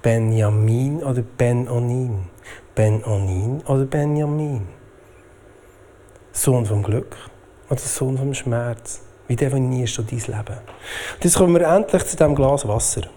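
A man with a Swiss German accent preaching a sermon in a lively, informal way. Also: measured pace, slight background noise. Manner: lively, informal preaching with swings in pitch and loudness.

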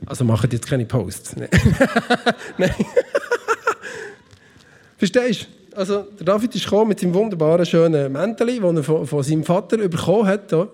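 A man with a Swiss German accent preaching a sermon, speaking directly to his listeners and swinging between loud, emphatic passages and soft ones. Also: sits high, expressive, normal speed, long pauses.

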